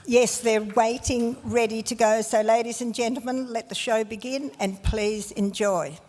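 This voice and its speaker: A woman's voice: fairly high pitch, steady tone, unhurried, a little mellow. A woman co-hosting a live dance event, introducing a judge with personal asides. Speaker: event co-host. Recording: echoey hall sound.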